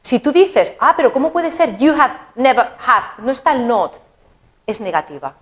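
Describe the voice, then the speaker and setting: A woman, an English teacher explaining grammar in an animated, chatty, playful way. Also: sits high, normal speed.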